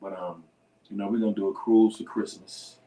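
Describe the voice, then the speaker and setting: A man in his fifties chatting as a guest on a radio show, an animated, laughing storyteller. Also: fairly low pitch, brisk, far from the mic, a little hiss or hum, rough recording. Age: 50s. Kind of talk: casual chat. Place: radio studio.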